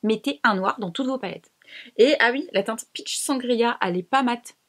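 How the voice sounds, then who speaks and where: A woman's voice: a little high, moderate pace. A young woman chatting casually to camera as she tests makeup, slangy and self-mocking. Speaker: beauty vlogger. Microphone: camera mic.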